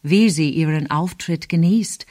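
A woman's voice: sits low, a little slow, dark tone, no echo, studio quality. A woman reading aloud, voicing a poised mother who makes light remarks in a storybook. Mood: amused. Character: poised English-born mother.

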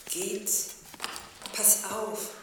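An actress playing a worried, hesitant companion in a radio drama, in an echoey recording. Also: female voice, medium pitch, steady tone, very slow. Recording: echoey with clear background noise.

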